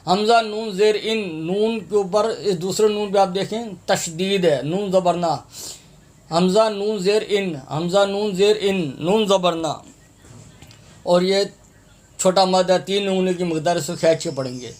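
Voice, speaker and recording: A man teaching a Quran tajweed lesson, reciting verses slowly and melodically, then explaining the pronunciation rules quickly in Urdu. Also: high-pitched, a little mellow. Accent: Pakistani Urdu.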